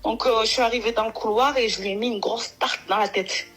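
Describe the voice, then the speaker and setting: A woman's voice: fairly high pitch, fairly even intonation, fairly quick, a bit bright, slightly rough, soft background music, rough recording. A woman phoning in to tell a long personal story, rambling and emotional, with many restarts. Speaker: caller. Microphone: phone.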